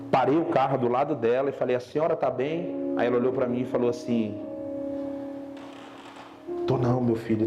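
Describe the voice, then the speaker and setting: Young man from brazil preaching a sunday sermon, goes from loud and urgent to low and slow, a faint instrument playing underneath. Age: young adult. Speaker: pastor. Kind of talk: sermon with storytelling. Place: church service.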